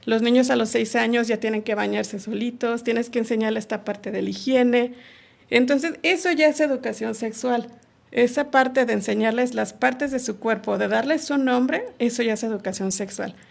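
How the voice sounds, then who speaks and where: A woman, a guest on a podcast, calmly explaining sexual education in casual conversation and acting out small quoted dialogues. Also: fairly high pitch, moderate pace, gravelly.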